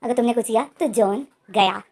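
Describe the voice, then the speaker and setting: A woman's voice: fairly high pitch, a little fast, darkish tone. A woman reading a smug teasing young man. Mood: threatening. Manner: teasing, goading. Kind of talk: reading out dialogue from a story.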